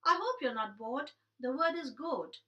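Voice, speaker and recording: A woman with a high, sharply bright voice recites rhyming comic verse. Her delivery is theatrical and mock-indignant, and she stresses every rhyme. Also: expressive, moderate pace, recorded from a distance, lo-fi sound.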